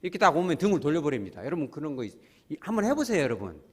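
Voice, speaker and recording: A man preaching a sermon as pastor, animated, acting out quotes and often speaking to the congregation. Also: fairly high pitch, very fast, breathy edge.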